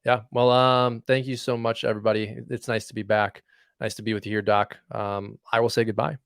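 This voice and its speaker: Low-voiced man in casual podcast chat. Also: little pitch movement, fairly quick, a bit bright, smooth, no echo, studio quality. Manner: loose, rambling delivery with many fillers. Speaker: podcast co-host. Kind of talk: casual fantasy baseball chat.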